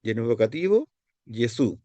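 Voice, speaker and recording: A man teaching a seminary lesson on Greek grammar. He explains step by step and repeats forms slowly. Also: medium pitch, lively intonation, a little mellow, no echo, highs cut off. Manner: explains step by step, repeats words slowly, pauses to find his page.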